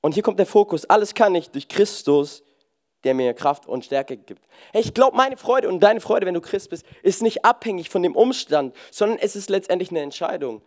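A man with a high voice preaches in a loose, joking way. He keeps throwing in "hey" and swings between loud bursts and soft, slow lines. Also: animated. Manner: casual, jokey, peppers talk with "hey". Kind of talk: lively sermon.

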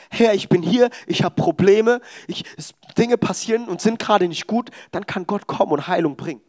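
A young man preaching a sermon, telling stories with quoted dialogue. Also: high voice. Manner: animated, storytelling with quoted dialogue.

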